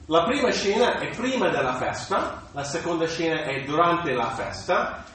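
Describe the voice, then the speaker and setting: Male preacher, lively and animated, stumbles briefly now and then. Distant mic, big echo. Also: fairly high pitch, moderate pace. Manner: animated, with small restarts. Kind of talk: sermon. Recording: echoey room, distant mic, faint noise.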